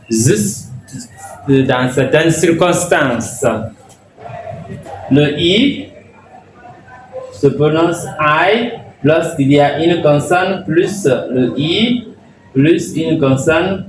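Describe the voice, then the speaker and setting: A man teaches pronunciation at a very slow, deliberate pace, repeating each example word. He sounds set back from the mic in a reverberant room. A faint hiss of ambience sits behind him. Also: on the high side. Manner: slow, drilling words one by one with repetition. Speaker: English teacher. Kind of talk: bilingual pronunciation lesson. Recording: echoey room, mic at a distance, faint background noise.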